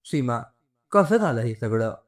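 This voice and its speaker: A man voicing a worried, steady sister-in-law. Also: medium pitch, measured pace. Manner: concerned, questioning, then taking charge.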